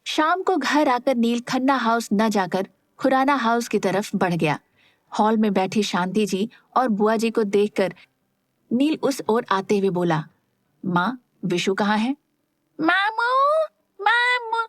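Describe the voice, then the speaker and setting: A woman's voice: fairly high pitch, a little slow, no room sound, studio quality. Woman narrating a serialized audio drama. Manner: steady storytelling, voices all parts.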